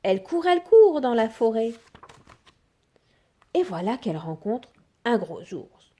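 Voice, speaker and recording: A woman reading a children's fairy tale aloud in an expressive, sing-song storytelling manner. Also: a little high, a little slow.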